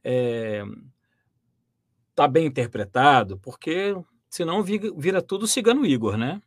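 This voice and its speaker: A man from Brazil, a voice actor and dubbing director, explaining his work in a lively interview, with many restarts and fillers. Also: fairly high pitch, a little slow, no echo. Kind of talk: interview conversation.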